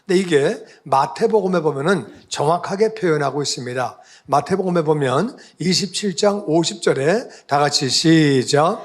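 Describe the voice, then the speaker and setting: A man's voice: fairly high pitch, normal speed, few pauses. A male pastor giving a conversational sermon, often asking the congregation questions.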